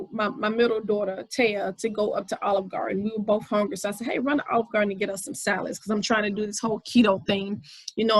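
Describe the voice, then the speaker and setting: A woman's voice: a little high, dry recording, poor audio. A woman in her forties hosting her own podcast, telling a story in a casual, conversational way with many fillers. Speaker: podcast host. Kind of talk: casual inspirational talk.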